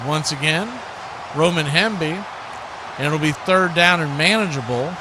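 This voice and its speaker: An American man does unhurried play-by-play on a football livestream in a high voice, folksy and conversational, with background noise clearly audible.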